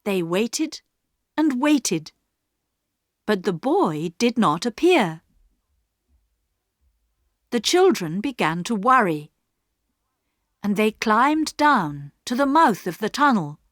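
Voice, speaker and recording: A woman narrating a story in slow, clearly paced English for learners. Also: medium pitch, very animated, no room sound, clean studio sound. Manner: clear, carefully paced reading.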